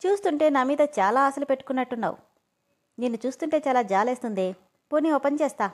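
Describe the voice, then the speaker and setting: A woman's voice: high-pitched, lively intonation, quick pace, a little mellow. A woman voicing an arrogant, cruel young man who talks with scorn. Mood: scornful. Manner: mocking, scornful.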